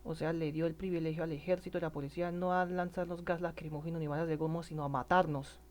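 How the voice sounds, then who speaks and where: A man's voice: a little high, flat delivery, a little mellow. A Colombian man with a regional accent talks through a personal monologue, stumbling and restarting as he goes. His tone is earnest and indignant. A faint hum sits under the recording. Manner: halting, stammering, many restarts. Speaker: citizen speaking about protests.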